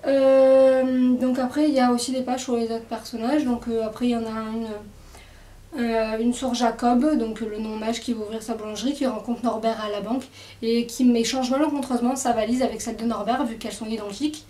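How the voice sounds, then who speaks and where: A woman's voice: a little high, steady tone, fairly quick, warm tone, recorded from a distance. A woman casually presenting a book, hesitant and full of fillers. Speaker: book reviewer. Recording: echoey room, away from mic.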